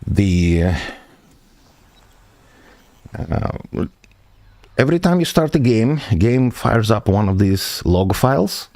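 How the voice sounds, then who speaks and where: A man streaming as a software developer, walking through his project step by step, answering viewer questions with frequent hesitations. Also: lowish voice, expressive, slow pace, long pauses, dry recording. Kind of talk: live stream tech walkthrough.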